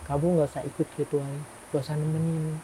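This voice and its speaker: A man's voice: fairly high pitch, quick pace, slight background noise, low-quality recording. A young man telling a horror story in casual conversation, acting out the dialogue as he goes. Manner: animated, acts out quoted dialogue. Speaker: guest storyteller.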